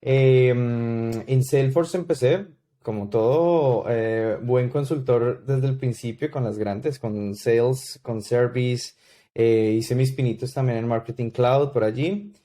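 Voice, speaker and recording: A man in his thirties with a Colombian accent, a podcast guest who tells his story slowly, with many fillers and restarts. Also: mid-range voice, dark tone. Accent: Colombian Spanish. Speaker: guest consultant. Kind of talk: podcast interview.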